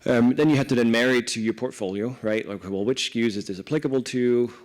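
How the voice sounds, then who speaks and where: Speaking with a Danish accent, this man from Denmark is a corporate director answering questions in a live panel interview before an audience. His explanations are informal, frequently punctuated by "right?". He talks at a quick pace, with a medium-pitched, darkish voice.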